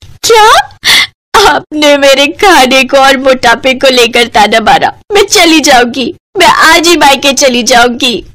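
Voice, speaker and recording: A woman's voice: high-pitched, normal speed, no room sound, lightly acted. A woman voicing a gluttonous, always-hungry young wife in a cartoon story, whiny and demanding. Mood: offended.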